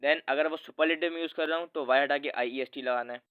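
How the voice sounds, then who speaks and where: Speaking quickly in a fairly high, steady, clean voice, a man explains English grammar to his students in an informal, friendly way. He keeps correcting himself along the way, and the sound comes through thin and tinny, like a phone.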